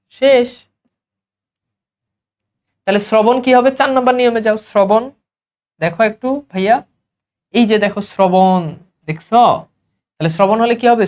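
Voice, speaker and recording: A man's voice: sits high, lively intonation, unhurried, long pauses. A male teacher from Bangladesh giving an exam-prep grammar lesson, asking questions and answering them himself in a repetitive drill.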